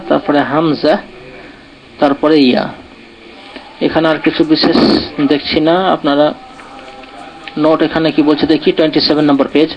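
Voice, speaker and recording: A Quran recitation teacher with a slightly raised, highish voice gives a pronunciation lesson, patiently sounding out letters syllable by syllable. He keeps checking that the class follows, asking "right?" over and over. The audio is dull with slight background noise.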